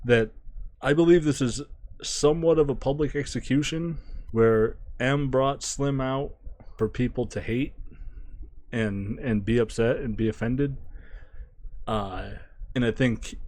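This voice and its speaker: A man giving a casual spoken album review, thinking aloud, restarting phrases and trailing off quietly. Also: mid-range voice. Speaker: music reviewer.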